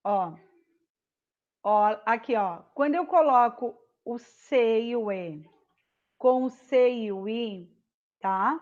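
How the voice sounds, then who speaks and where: A woman's voice: fairly high pitch, narrow, tinny audio. A woman teaching a primary school class online, patient and explaining step by step, checking often that the children follow. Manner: slow, patient, repeats and checks with "tá certo?".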